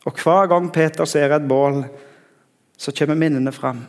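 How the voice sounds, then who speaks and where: A middle-aged man preaching a sermon in a conversational way, often pausing to search for words. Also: on the high side, steady tone. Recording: long hall reverb.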